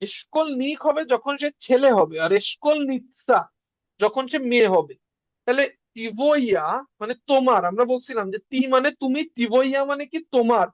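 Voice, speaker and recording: A high-pitched woman works through a beginner language lesson, saying sounds one by one and asking the listener what words mean. The recording is dry, muffled, and lo-fi.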